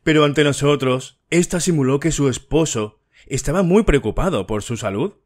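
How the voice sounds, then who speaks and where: A man narrating an audiobook, voicing a fussy, sharp-eyed older detective in a dry, precise, lightly lecturing manner. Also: a little high, lively intonation, normal speed, natural voice. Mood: explaining.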